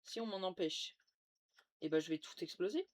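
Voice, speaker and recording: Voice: mid-range voice, normal speed. A streamer of unclear sex giving casual live game commentary as a raging gamer, griping and taunting with mock threats. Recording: clearly noisy background with clicks.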